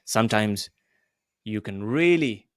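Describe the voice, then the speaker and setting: A man teaching a public speaking lesson, deliberately varying his pitch and volume to demonstrate his points. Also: animated, clean tone, no room sound, clean studio sound. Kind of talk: voice coaching lesson.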